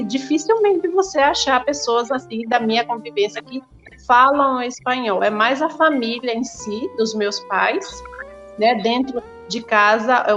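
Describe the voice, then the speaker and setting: A woman's voice: on the high side, a bit bright, lo-fi sound. A woman from the Brazil–Paraguay border, a schoolteacher speaking as a guest from her school over a remote call, thoughtful and hesitant, with many fillers. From Brazil–Paraguay border, Mato Grosso do Sul. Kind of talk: casual interview answers.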